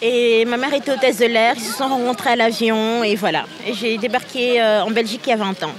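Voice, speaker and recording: A woman's voice: on the high side, steady tone, a little fast, slight background noise. A woman from Congo answering interview questions in an upbeat way.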